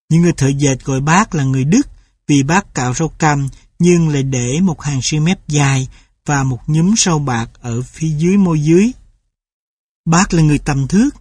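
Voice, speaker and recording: A man reading a memoir-style story aloud in steady, measured scripted narration. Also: a little high, husky, no room sound.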